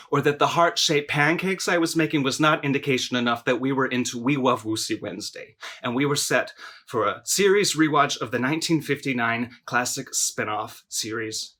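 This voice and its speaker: A theatrical, bitter young man in a mockumentary confessional, stumbling over his words and doubling back on every phrase. His voice is bright and forceful, set at a middling pitch for a man. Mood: wry, aggrieved. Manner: halting, stammering, repeats words. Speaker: interview subject in a mockumentary.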